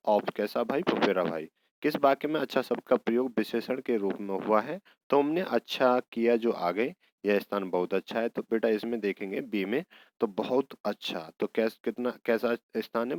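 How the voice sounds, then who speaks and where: A man's voice: medium pitch, darkish tone, a little hiss or hum, low-quality recording. A man teaching an exam prep lesson, working through each question step by step and answering his own prompts.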